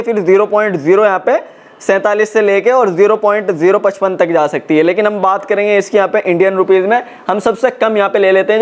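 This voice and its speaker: A young man casually walking viewers through an on-screen tutorial, chatty and repeating filler check-ins as he goes. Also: high-pitched. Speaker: crypto tutorial YouTuber. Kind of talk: casual screen-walkthrough explanation.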